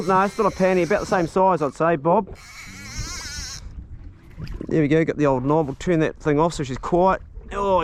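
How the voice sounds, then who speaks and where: A man with a broad New Zealand accent chatting casually in a laid-back, matey, slangy way as he vlogs outdoors. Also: on the high side. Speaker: vlogger. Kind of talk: casual outdoor vlog chat and commentary. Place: outdoors on a farm and small boat. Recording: loud outdoor wind and boat noise.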